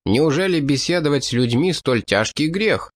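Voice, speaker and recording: Guy doing shaken gentle companion, pleading n indignant, higher voice, dry audiobook sound. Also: expressive, moderate pace, dry recording, natural voice. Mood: dismayed.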